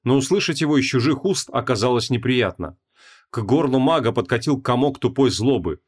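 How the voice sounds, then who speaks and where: Expressive male audiobook narrator. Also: medium pitch, a little fast, slightly rough. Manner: expressive, dramatic reading. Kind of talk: scripted fantasy audiobook narration.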